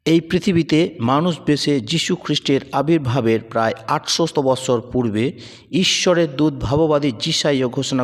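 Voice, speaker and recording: A man preaching a scripted devotional sermon in a measured, solemn way, slowing down for emphatic lists. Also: medium pitch.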